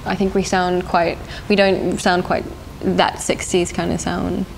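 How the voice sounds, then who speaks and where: A young South African woman who sings in a band answers interview questions thoughtfully and hesitantly, laughing often. Her voice is on the low side with vocal fry, flat and measured. The recording is low quality, with faint background noise.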